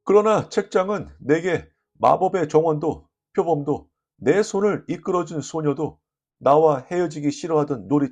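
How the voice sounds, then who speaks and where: Expressive male audiobook narrator. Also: fairly high pitch, breathy edge. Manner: lively, expressive reading with voiced dialogue. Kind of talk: storytelling audiobook reading.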